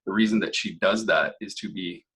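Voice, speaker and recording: A slightly hoarse man, presenting a software walkthrough webinar and explaining features step by step. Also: deep voice, fairly quick, poor audio. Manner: explanatory, clears throat often.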